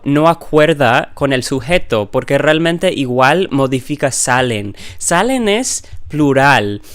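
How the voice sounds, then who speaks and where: Smooth-voiced man teaching grammar. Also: on the high side. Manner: explanatory, with frequent self-corrections and fillers. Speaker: language teacher. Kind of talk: grammar lecture.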